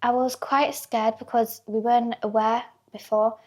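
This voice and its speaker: A teenage girl tells her stories in casual chat. Her voice sits a little high and has a husky edge. She is lively, acts out the lines of the people in her stories, and laughs often. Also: unhurried. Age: teens. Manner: chatty storyteller, acts out quotes, laughs often. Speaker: guest.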